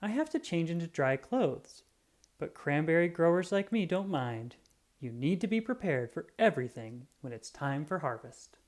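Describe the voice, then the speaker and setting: With an expressive storyteller's touch, a reader voices a children's picture book at a normal pace and medium pitch.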